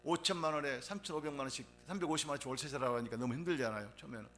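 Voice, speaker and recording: A man's voice: mid-range voice, racing, fairly bright tone, soft background music. A middle-aged man preaching a sermon, telling a personal testimony and rising to emphatic fervor. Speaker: pastor.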